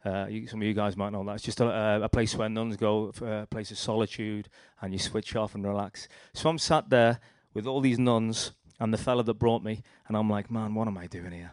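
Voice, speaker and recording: A young Liverpool-accented man gives his testimony in a lowish voice, fairly even and a little fast, with few pauses. The dry studio recording catches a meandering story full of restarts and acted-out quotes.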